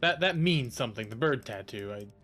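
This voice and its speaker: A man playing a tabletop game who talks casually and thinks out loud, often stopping and starting his sentences. Faint music plays behind him. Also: mid-range voice, lively intonation, brisk. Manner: hesitant, thinks aloud. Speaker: player.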